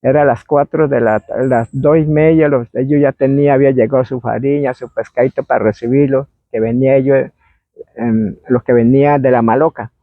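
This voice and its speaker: A man, telling an oral history story in a meandering way and acting out shouts and quoted voices. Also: mid-range voice, fairly even intonation, a little fast, no room sound. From Colombia. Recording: dry, phone-like narrow sound.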